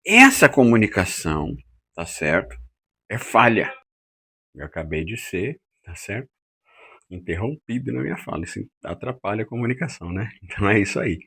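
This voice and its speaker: Husky low-voiced man giving a lecture. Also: very animated, normal speed, sharp tone. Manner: acts out quoted speakers in raised voices; uses frequent tag questions. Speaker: teacher. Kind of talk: lecture on communication. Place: classroom.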